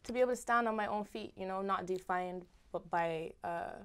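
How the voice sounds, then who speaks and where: A woman's voice: medium pitch, a little fast, clean tone. A young Barbadian woman singer from Barbados, talking expressively as a guest in a casual interview. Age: young adult.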